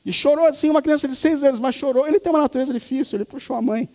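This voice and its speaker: A man's voice: extremely high pitch, very fast, mellow. A male pastor in his thirties preaching a sermon, speaking emphatically and repeating key phrases for weight. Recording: reverberant hall.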